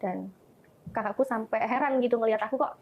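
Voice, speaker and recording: A woman's voice: a little high, narrow, tinny audio, slight background noise. A woman guest in an interview telling her conversion story in a chatty way, acting out her family's words. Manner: rapid, chatty, acts out family dialogue.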